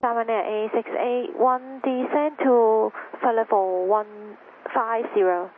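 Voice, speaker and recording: A woman's voice: a little high, steady tone, slow, narrow, tinny audio. A woman working as an air traffic controller, giving clipped instructions over aviation radio. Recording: thin, faintly noisy radio transmission.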